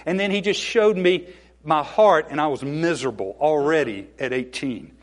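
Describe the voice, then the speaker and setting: A man's voice: on the high side, moderate pace. Earnest man in his fifties preaching. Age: 50s. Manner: earnest, folksy, joking asides. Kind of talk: sermon and closing prayer.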